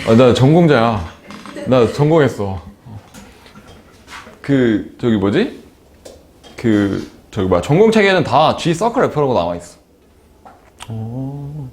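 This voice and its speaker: A man's voice: a little high, a little mellow. A man teaching a math class, chatting with students and teasing them by name between explanations. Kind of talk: classroom lecture with banter.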